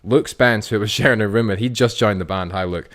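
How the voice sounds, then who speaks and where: A man's voice: fairly low pitch, fast, fairly bright tone. A young man co-hosting a casual podcast chat, telling rambling stories with many restarts and acting out what he said. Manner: rambling storyteller, many restarts, acts out his own quotes. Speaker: podcast co-host.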